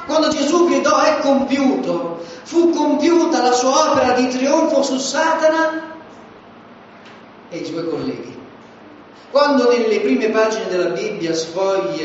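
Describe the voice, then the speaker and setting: A man preaching a sermon, emphatic, swinging between loud declarations and hushed asides, in a church hall. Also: high voice, background noise. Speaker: pastor. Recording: echoey hall, distant mic, dull sound.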